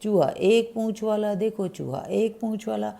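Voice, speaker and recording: A woman's voice: medium pitch, unhurried, vocal fry, warm tone. A woman doing sing-song taunting schoolboys. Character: jeering group of schoolboys, mocking.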